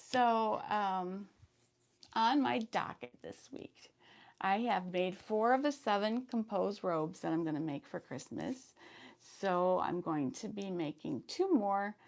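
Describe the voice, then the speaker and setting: A woman in her fifties runs a sewing channel live stream, chatting casually and reading out viewer comments. Her voice is hoarse today, sitting fairly low with a darkish tone.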